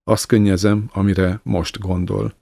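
Egy férfi, aki egy alázatos, türelmes felnőtt menyet szólaltat meg halk, engedelmes hangon. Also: male voice, sits low, little pitch movement, gravelly, no echo. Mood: meek. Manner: quiet, submissive. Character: meek, patient grown daughter-in-law.

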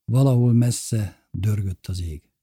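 A man reading a story aloud as narrator, in a measured storytelling manner. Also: lowish voice, dark tone, husky, dry recording, clean studio sound. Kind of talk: audiobook narration.

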